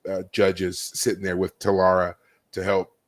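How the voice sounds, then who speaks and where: A man co-hosting a podcast, chatting casually and retelling scenes with lively exclamations. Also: low-pitched, normal speed. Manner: animated storyteller, acts out scenes with loud exclamations. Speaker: podcast co-host. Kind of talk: casual chat. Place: live podcast recording.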